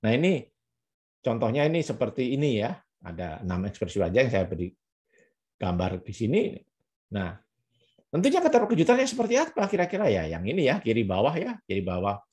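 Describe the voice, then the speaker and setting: A man with an Indonesian accent teaches negotiation in an explanatory, repetitive way. His mid-range voice moves a lot in pitch, and he often stops to act out surprised exclamations. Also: wildly swooping pitch, a little fast, darkish tone. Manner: repeats key phrases, acts out surprised exclamations. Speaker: negotiation trainer. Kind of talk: explanatory lesson.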